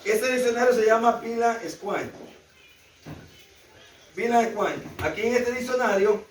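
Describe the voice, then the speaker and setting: A man's voice: extremely high pitch, measured pace, a little hiss or hum. A man with a Salvadoran Spanish accent teaching a Bible lesson to a class, repeating key words emphatically and asking the class questions. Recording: echoey room, speaker far from mic.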